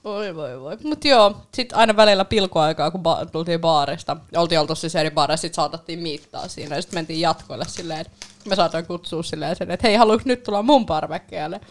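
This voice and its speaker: A speaker tells a story in a relaxed chat with friends, in a chatty, easygoing way. The voice sits at an average pitch. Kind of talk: casual anecdote telling.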